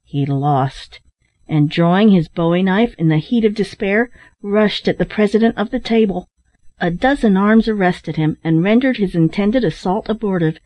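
A woman reading a novel aloud as an audiobook narrator, in a measured, even storytelling manner. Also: mid-range voice, no echo. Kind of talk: scripted narration. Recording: dull, dry close recording.

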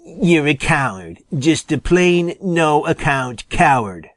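A man's voice: a little high, expressive, unhurried, no room sound, pitched above the performer's own voice. A man voicing an angry, grudging male skunk who snaps out accusations in a storybook reading. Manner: snapping, accusing.

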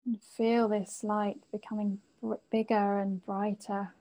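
Soothing, mellow woman guiding meditation. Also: medium pitch, little pitch movement, poor audio. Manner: gentle, unhurried phrasing with long pauses. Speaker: guided meditation teacher. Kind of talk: guided meditation, soothing like a sleep story narrator.

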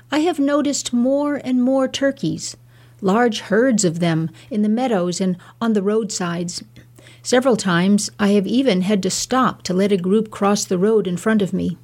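A woman reads a scripted, measured, explanatory reflection in the manner of a nature documentary. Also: medium pitch, darkish tone. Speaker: presenter of a spoken reflection series.

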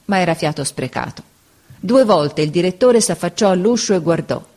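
An expressive audiobook narrator reads a classic children's novel at an average pitch. The reading is scripted and measured, and the reader acts out the characters' lines along the way. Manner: expressive reading, voicing the dialogue.

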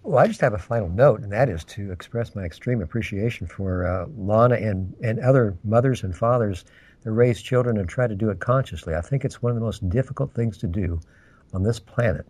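A man co-hosting a podcast, speaking earnestly and sincerely in slow, deliberate phrases. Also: fairly low pitch, a little mellow, no echo. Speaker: podcast co-host. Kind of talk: casual podcast chat.

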